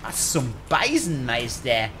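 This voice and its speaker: A young man chatting casually through a game as a YouTuber, slangy, joking and reacting loudly. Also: mid-range voice, very animated, slow pace, noisy background. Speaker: gaming YouTuber. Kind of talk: casual let's-play commentary.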